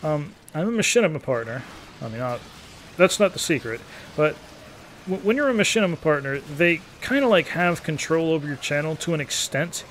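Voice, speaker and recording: This thirty-something YouTuber's gameplay commentary is casual and rambling, with an easygoing, take-it-or-leave-it attitude. He sounds animated and a bit bright, speaking fairly quickly in a voice on the high side, with a little hiss or hum in the background.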